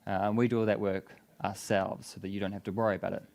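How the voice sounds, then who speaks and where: Man with a broad Kiwi accent, lowish voice. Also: little pitch movement, quick pace, creaky, darkish tone. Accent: broad New Zealand. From New Zealand. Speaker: conference speaker, business development head. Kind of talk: conference product presentation.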